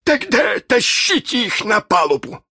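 A man voicing a menacing, snarling pirate captain in an audiobook, barking drawn-out threats. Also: high-pitched, sing-song, pushed and bright, voice pushed up, full character voice. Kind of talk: audiobook character voice.

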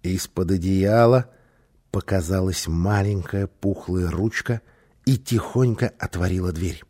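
A man's voice: low voice, a little slow, mellow. A man reading a children's story aloud, dramatic, sometimes dropping to a near whisper for suspense. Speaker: audiobook narrator. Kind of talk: expressive storybook narration.

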